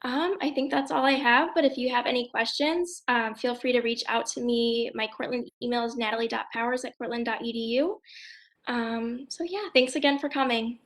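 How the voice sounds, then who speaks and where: Higher-voiced young woman candidate. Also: moderate pace, a bit bright. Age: young adult. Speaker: student candidate. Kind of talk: campaign speech.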